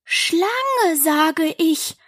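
A woman's voice: very high-pitched, animated, measured pace, fairly bright tone, no room sound, studio quality, voice pushed up, heavily acted. A woman voicing a fretful female pigeon guarding her eggs in a storybook reading, with shrieking, indignant scolding.

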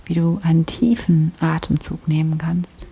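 A woman leading a guided prayer meditation, speaking softly and often in a half-whisper with calm instructions. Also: deep voice, moderate pace, creaky, husky, poor audio. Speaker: prayer leader.

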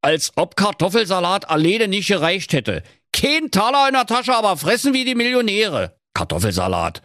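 A man's voice: high-pitched, huge pitch swings, normal speed, sharp tone, no room sound, studio quality, voice pushed up, full character voice. A man playing a grumpy Berlin miser. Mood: scolding. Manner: grumbling, scolding, cantankerous. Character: grumpy stingy old miser, male junkyard owner.

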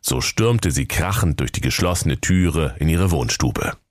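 Low lively male storyteller. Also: unhurried, no room sound, studio quality. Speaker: narrator. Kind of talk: comic fairy-tale narration.

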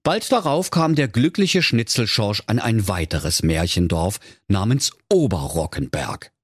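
A man's voice: lowish voice, measured pace, slightly rough, dry recording. A man narrates a comic fairy tale with playful energy. His voice rises and falls a great deal. The recording is dry, with no room sound. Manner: playful, lively. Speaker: storyteller.

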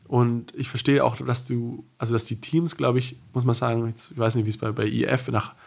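A man's voice: mid-range voice, level tone, brisk, vocal fry. A young man, a pro racer as a guest, chatting casually with many restarts, fillers and emphatic bursts. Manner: rambling, frequent restarts and fillers. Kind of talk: casual podcast chat.

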